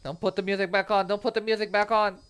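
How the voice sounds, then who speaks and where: A woman hosting a let's-play, joking loudly and reading the story aloud over game music. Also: medium pitch, level tone, quick pace, a little hiss or hum. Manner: loud, joking, reads dialogue aloud. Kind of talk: casual game commentary.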